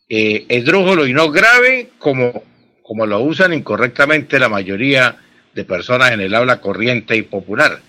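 Man, radio language expert, bright tense voice, patient, repeats himself. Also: medium pitch. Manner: patient, repetitive, explanatory. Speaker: language expert answering listener questions. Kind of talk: radio call-in explanation.

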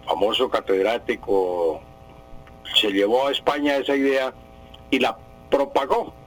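Husky man explaining language. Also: medium pitch, a bit bright, low-quality recording. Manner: explanatory, anecdotal, hesitant fillers. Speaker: language expert guest on radio. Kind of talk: radio call-in explanation.

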